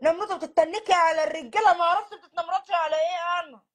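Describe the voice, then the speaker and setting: A woman's voice: very high-pitched, steady tone, racing. A woman playing a middle-aged Egyptian mother who nags and tearfully pleads with her daughter to marry. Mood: scolding. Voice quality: whiny, crying-tinged pleading.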